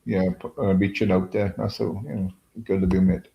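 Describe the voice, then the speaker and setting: A man's voice: sits low, little pitch movement, a little fast, creaky, highs cut off. Man, stream host, casual chat, rambling, filler-heavy. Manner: rambling, full of fillers like "you know".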